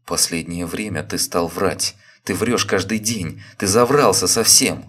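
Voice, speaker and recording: A man reading a story voices a worried, scolding wife, lifting his voice higher and louder as she accuses her husband. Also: a little slow, breathy edge, exaggerated voice. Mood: accusing. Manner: raised, accusing.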